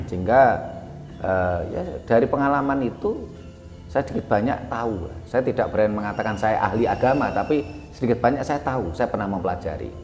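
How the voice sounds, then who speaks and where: A man recounting his life in a relaxed, halting way, full of fillers and self-corrections. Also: lowish voice. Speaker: guest telling his life story. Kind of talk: casual spoken memoir. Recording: echoey room with long reverb, faint music.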